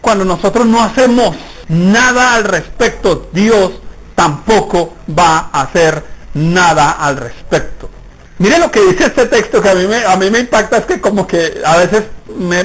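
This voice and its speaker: Male preacher, high-pitched, sermon delivery, keeps checking in with rhetorical questions. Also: measured pace, fairly bright tone, slightly rough, poor audio. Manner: asks the congregation rhetorical questions. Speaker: pastor.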